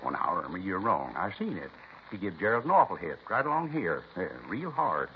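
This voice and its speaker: In 1950s radio acting, a man plays an earnest, simple butcher with a deep, folksy, plain-spoken voice that's sing-song and fairly quick. He sounds gently protesting. The recording is dull and hissy.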